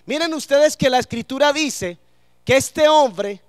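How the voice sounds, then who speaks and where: A man's voice: extremely high pitch, unhurried, dry recording, studio quality. A man preaching a sermon to a congregation in church, asking them questions and letting them answer.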